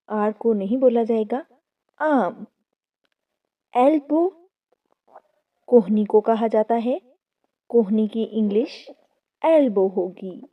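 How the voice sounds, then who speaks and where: A woman's voice: a little high, far from the mic, muffled recording. A woman with an Urdu accent teaching body-part words, repeating each one with careful pronunciation. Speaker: vocabulary teacher. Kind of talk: slow vocabulary lesson.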